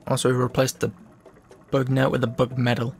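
A man's voice: medium pitch, fairly quick, gravelly, faint music behind. A man giving casual, explanatory commentary as he plays through a video game. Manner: relaxed, explanatory, self-correcting. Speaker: let's play host.

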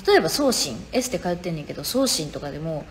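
A woman's voice: low voice, big pitch swings, fast. Chatty Kansai woman on a live stream. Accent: Kansai Japanese. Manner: reads viewer comments aloud and answers them chattily. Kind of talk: casual live-stream chat. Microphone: phone. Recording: reverberant room, faint background noise.

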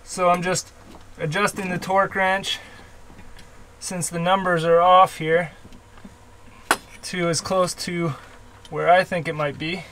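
A man with a notably high voice explains each step of a boat engine rebuild in a relaxed, chatty way, poking fun at himself now and then. He is working below deck in a cramped engine bay, close to the camera, with a faint background hum. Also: slow pace, long pauses. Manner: chatty, explanatory, self-deprecating. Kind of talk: casual how-to narration.

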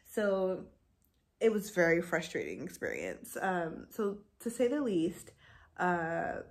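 A young woman vlogger casually recounting her labor story, animated and jumping high in pitch when she retells her frustration. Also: takes it slowly.

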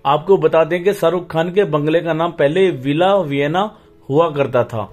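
A man's voice: on the high side, darkish tone. A man giving a scripted, informative tour-guide voice-over for a travel vlog. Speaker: travel vlogger.

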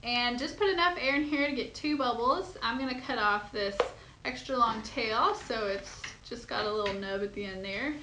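Speaking at normal speed in a high, sharp voice, a young woman walks through balloon twisting one step at a time. She's giggly and effervescent, fawning over the cuteness of each creation, with echo and audible noise in the room.

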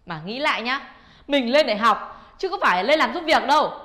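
A woman's voice: high voice, animated, normal speed, pushed and bright. An actress playing a young female student who is put-upon, naive, chatty and easily fooled. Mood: grumbling.

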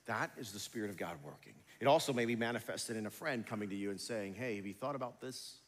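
Male pastor, conversational sermon delivery with emphatic swells, low voice, long church reverb. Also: animated, quick pace. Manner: conversational preaching, rising to emphatic near the end. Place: large church sanctuary.

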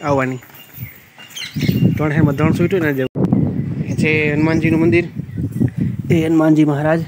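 A village vlogger films a riverside temple on his phone, casually guiding viewers around and pointing things out as he walks. His voice is fairly high and level, his pace brisk, and the recording is very noisy.

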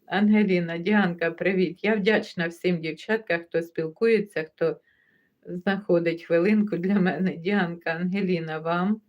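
A woman's voice: lowish voice, fairly even intonation, measured pace, lo-fi sound. A woman hosting a livestream in casual chat, reading out viewer comments and greeting viewers by name. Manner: chatty, warmly greets viewers by name one after another; easygoing, laughs as she talks. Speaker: livestream host.

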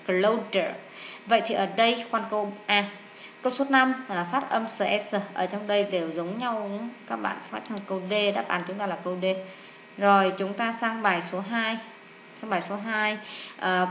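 A woman teacher walks students through a test, chatty and full of drawn-out fillers. She often repeats words and speaks to the class directly. Her voice sounds roomy and echoey, with a faint hiss underneath. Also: mid-range voice. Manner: addresses students warmly as "các bạn". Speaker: English teacher. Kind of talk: exam walkthrough lesson.

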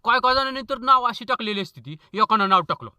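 Bright-voiced man telling comic stories. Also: extremely high pitch, quick pace, clean tone, no echo. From Maharashtra. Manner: lively, chatty joking. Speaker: storyteller, channel host. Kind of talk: comic storytelling.

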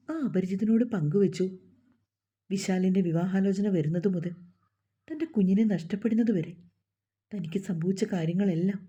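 A woman storyteller reads a scripted story in a steady, emotive way. Her voice is mellow and husky. The recording sounds dull and lo-fi. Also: fairly low pitch.

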